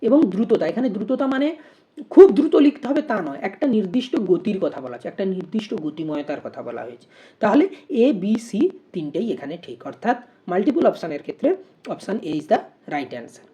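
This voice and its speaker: A woman's voice: medium pitch, big pitch swings, normal speed, warm tone, muffled recording. A woman teaching an exam-prep lesson. She reads out multiple-choice questions and options, then explains each answer step by step and poses rhetorical questions.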